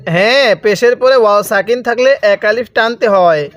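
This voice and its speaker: Step by step, a man guides viewers through Quran recitation in a high, somewhat bright voice: he spells the letters, then recites the words in a slow, stretched-out way. He also asks the viewer questions and supplies the answers himself.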